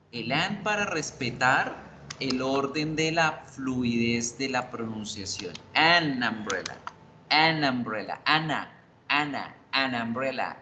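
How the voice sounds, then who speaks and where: Slow-talking man teaching English. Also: mid-range voice, bright, forceful tone, a little hiss or hum, low-quality recording. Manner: slow, explains pronunciation patiently, repeats words. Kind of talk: online class teaching.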